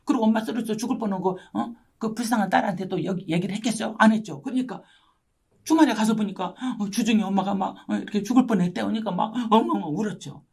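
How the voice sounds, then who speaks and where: A woman's voice: mid-range voice, fast, gravelly, darkish tone, husky. An older woman missionary giving a testimony sermon, telling her story dramatically and often asking her listeners for agreement. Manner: dramatic storytelling, constant tag questions to listeners. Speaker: missionary preacher. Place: church online gathering.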